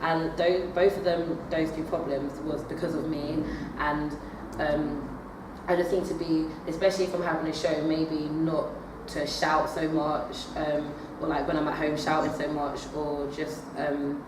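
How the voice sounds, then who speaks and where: Recorded at a distance in a noisy, echoey room, this young drama student gives hesitant interview answers with many fillers and false starts. She speaks in a low pitch that barely moves, a little slowly and with few pauses. She is a young adult woman.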